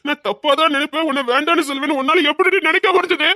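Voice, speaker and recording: An actor playing a loyal husband who grieves and rages. He speaks forcefully, choked up, and pleads. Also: extremely high pitch, fairly even intonation, rapid-fire, no room sound, studio quality. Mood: pleading.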